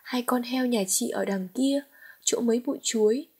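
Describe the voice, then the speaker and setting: A stammering middle-aged village man from a storybook, as a woman reader puts him on. He trips over his words in a breathy, husky voice. The pitch sits a little high. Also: moderate pace, a little mellow. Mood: hushed.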